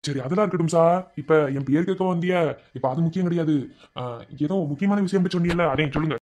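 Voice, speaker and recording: A man voicing a friendly, talkative village loudspeaker man with a Madurai Tamil accent. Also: fairly high pitch, lightly acted. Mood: chatty. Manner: brisk, chatty, loud.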